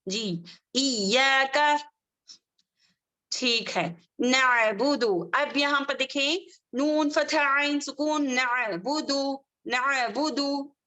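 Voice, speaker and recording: Woman tajweed teacher on a video call, high bright voice, very slow drawn-out patient delivery. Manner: slow, drawn-out demonstrations of Arabic words; patient, repeats and checks understanding. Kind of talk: online class teaching Quranic recitation.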